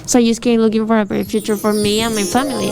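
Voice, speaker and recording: Young Venezuelan woman with a gravelly voice. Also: a little high, little pitch movement, rapid-fire, over music, rough recording. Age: 20s. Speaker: guest, model. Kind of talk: casual interview. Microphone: phone.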